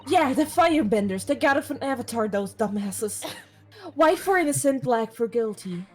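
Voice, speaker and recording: High-voiced, sweary woman game streamer. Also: animated, normal speed, a little mellow, soft background music. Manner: sweary, teasing asides. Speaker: game streamer reading dialogue aloud. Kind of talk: playful let's-play chat with read-aloud game lines.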